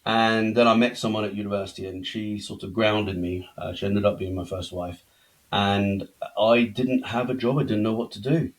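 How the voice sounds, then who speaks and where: A man's voice: lowish voice, steady tone, moderate pace. A middle-aged man from Belgium, telling his life story as a guest in a conversational interview, chatty and self-deprecating. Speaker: podcast guest.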